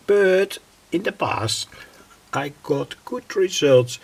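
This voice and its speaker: A radio hobbyist with a slow, gravelly, mid-range voice explains radio coils on his own channel in an unscripted, hands-on demonstration. He speaks haltingly, with many "uh" pauses.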